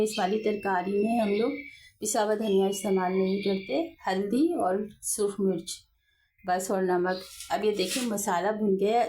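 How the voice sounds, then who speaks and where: A woman's voice: medium pitch, dark tone. A woman with an Urdu-speaking Pakistani accent, hosting a home cooking video from her kitchen, talking in a homely, chatty way and often correcting herself mid-sentence. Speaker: home cooking channel host. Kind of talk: chatty step-by-step cooking demo.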